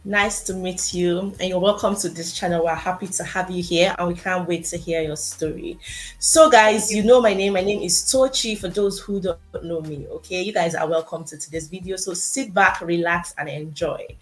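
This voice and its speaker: A woman's voice: on the low side, normal speed, faint music behind. Chatty woman hosting a video interview. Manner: friendly, chatty, addresses viewers directly. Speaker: host. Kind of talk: casual interview.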